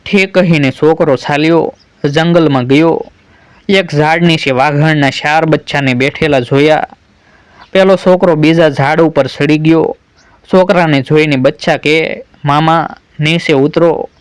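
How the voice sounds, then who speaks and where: A man with a Gujarati accent narrates a folk tale, slipping the characters' lines into his own plain telling. His voice sits fairly high and sounds smooth and resonant. The recording is dry and close. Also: unhurried, dry recording. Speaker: storyteller.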